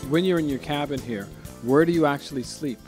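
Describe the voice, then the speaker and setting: A man's voice: on the high side, a little fast, a little mellow. A man asking plain interview questions. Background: music.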